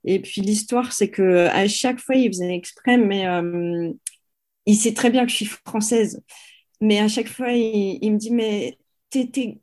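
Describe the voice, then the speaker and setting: Warm, dark-voiced French woman telling stories. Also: medium pitch, measured pace. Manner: lively storyteller with many fillers and restarts. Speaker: interview guest, sports photographer. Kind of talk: casual anecdote telling.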